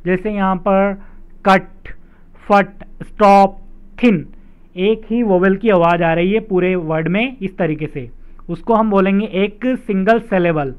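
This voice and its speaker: In this spelling lesson, an English teacher with a smooth, high male voice walks through each step, going over rules slowly and restating them with examples. The audio is dull and lo-fi.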